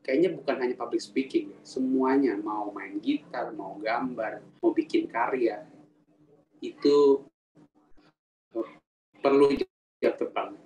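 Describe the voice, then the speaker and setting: A man giving a casual, animated public speaking talk in a live webinar, asking the audience questions and reading their chat comments aloud. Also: medium pitch, takes it slowly, pauses often, highs cut off. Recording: roomy sound, mic at a distance, faint ambience.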